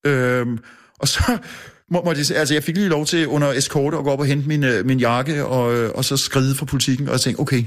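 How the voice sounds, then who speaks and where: A man's voice: medium pitch, fairly even intonation. A man who works as a newspaper editor, a guest telling a story in casual chat, full of restarts and fillers and chuckling at himself. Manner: halting, many restarts and fillers.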